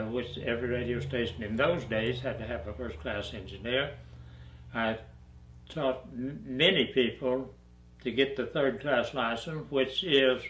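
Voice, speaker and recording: A man in his eighties from Arkansas, recalling his life in an interview with a dry, unhurried storytelling manner and easy chuckles. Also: mid-range voice, a bit bright, reverberant, rough recording. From Arkansas, USA. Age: 80s. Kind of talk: reminiscing interview. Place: dark studio backdrop, indoors.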